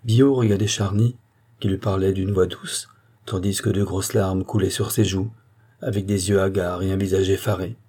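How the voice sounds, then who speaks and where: A man reading a classic novel aloud in a measured, literary narration. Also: low voice, fairly even intonation, dark tone, breathy edge. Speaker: audiobook narrator. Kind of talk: scripted narration.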